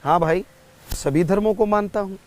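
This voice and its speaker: A man telling a story voices a calm, smiling male saint who explains gently and patiently. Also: high-pitched, normal speed, lightly acted. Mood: gentle.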